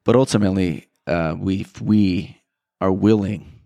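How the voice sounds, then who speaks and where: A man's voice: sits low, a little slow, creaky, dark tone, no room sound, highs cut off. A man hosting a podcast, talking in a casual, reflective monologue that rambles thoughtfully, with frequent restarts and fillers. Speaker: podcast host.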